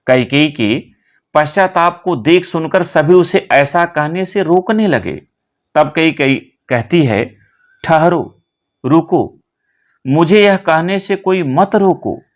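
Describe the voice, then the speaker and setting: A man teaching a poem line by line, slowly glossing word meanings one by one. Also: a little high. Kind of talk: line-by-line poem explanation lesson.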